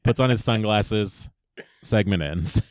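Deep smooth-voiced young man. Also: takes it slowly, no room sound. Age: young adult. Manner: easygoing, reflective, dry humor. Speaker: podcast host. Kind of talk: casual chat.

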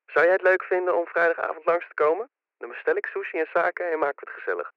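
A man's voice: fairly high pitch, fast, smooth, dry recording. Sam, a man playing a flirty patient leaving a voicemail. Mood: teasing. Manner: playful, teasing. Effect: voicemail message played back. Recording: dull lo-fi voicemail playback.

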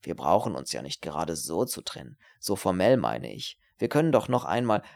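A man's voice: low-pitched, sing-song, normal speed, vocal fry, darkish tone, pitched below the performer's own voice, full character voice. A man voicing a selfish, cowardly young male student in an audiobook, pleading nervously and turning spiteful. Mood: wheedling. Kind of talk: audiobook character reading.

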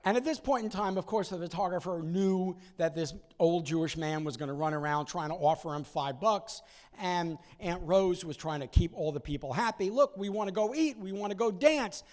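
A man in his sixties telling a personal story in an animated way, acting out voices and moments from it. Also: on the high side, normal speed.

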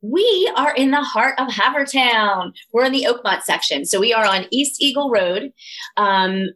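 A woman's voice: a little high, expressive, measured pace, fairly bright tone, low-quality recording. A middle-aged woman with a Delco, Philadelphia-area accent chats casually and enthusiastically as an interview guest. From Delaware County, Pennsylvania, US. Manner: earnest, enthusiastic. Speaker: yoga studio owner, interview guest.

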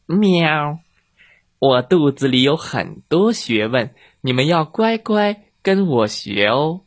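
A man's voice: on the high side, big pitch swings, slow pace. A man voicing a learned cat teacher who gets flustered, speaking in a raised, prim voice. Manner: prim, shrieking when upset.

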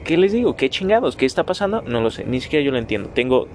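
A man's voice: mid-range voice, very animated, fast, a little hiss or hum. A nineteen-year-old man with a Mexican Spanish accent hosting a casual solo podcast, rambling, self-mocking and swearing freely as he talks straight to his listeners. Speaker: podcast host.

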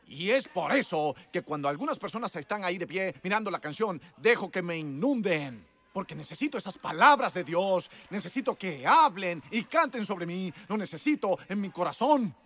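A man's voice: high voice, sing-song, moderate pace, hardly any pauses, a bit bright. A man preaching a sermon in a conversational storytelling way, emphatic and laughing often.

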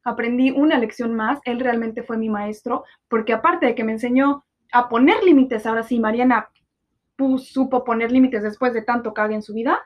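A woman's voice: on the high side, normal speed. A Mexican woman in her twenties hosting a podcast, talking bluntly and sarcastically and swearing freely in a casual confessional monologue. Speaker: podcast host. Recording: dull lo-fi recording.

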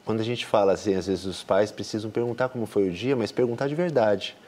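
A man, a doctor speaking as a guest in an interview, explaining calmly. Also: fairly low pitch, fast. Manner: calm, explanatory.

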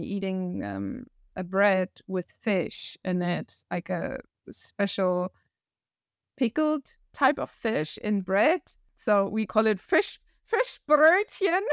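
A woman in her thirties with a northern German accent, talking as a podcast guest. She tells her story in a reflective, animated way and laughs often. Her voice is smooth and clear, recorded dry and close. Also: mid-range voice, dry recording. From northern Germany, near Hamburg. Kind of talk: casual interview conversation.

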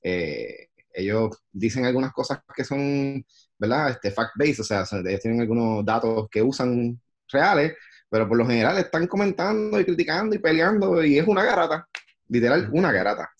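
A man with a Puerto Rican Spanish accent, a podcast guest who once worked in sports television, talking things through slowly with many fillers. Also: medium pitch, lively intonation, highs cut off. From Puerto Rico. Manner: thoughtful, many fillers like "este". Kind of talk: casual podcast chat.

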